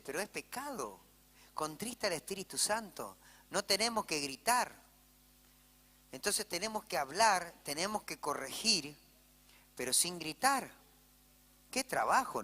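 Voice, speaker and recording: A male pastor's slightly high, pushed, bright voice carries an Argentine Spanish accent through church hall reverb. He preaches by telling stories conversationally, often turning to the congregation with "¿sí?".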